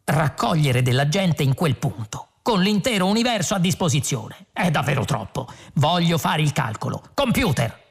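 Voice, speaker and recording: A man reading an audiobook, voicing a vain, scatterbrained male space captain who plays dumb, with a gravelly voice. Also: on the high side, big pitch swings, normal speed, full character voice. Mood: baffled. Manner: boastful, feigning dimness. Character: vain, scatterbrained two-headed male galactic president.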